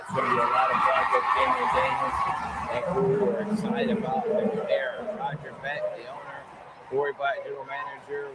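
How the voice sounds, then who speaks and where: A man hosting a sports show with conversational commentary, leaning emphatically on key words. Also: mid-range voice. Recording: very noisy outdoor ambience.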